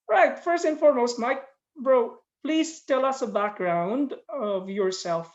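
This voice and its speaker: A podcast host, a woman in her 40s or older, runs a casual interview over a video call, mixing Tagalog and English. Her voice is on the high side with a measured pace, she's friendly and chatty and laughs often, and the audio has its highs cut off.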